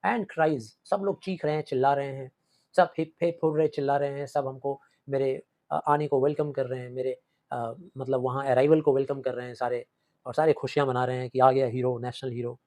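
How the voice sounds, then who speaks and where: Indian teacher slowly reading and explaining verse. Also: male voice, medium pitch, steady tone, dark tone. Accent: Indian English. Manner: reads verse lines slowly, then explains in mixed Hindi and English; repeats and rephrases phrases while explaining. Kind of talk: line-by-line poem explanation lesson.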